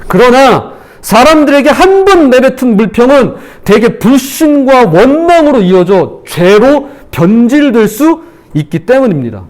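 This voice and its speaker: A male pastor preaching a sermon in an animated way, acting out the speech he quotes with feeling. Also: extremely high pitch, measured pace. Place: church.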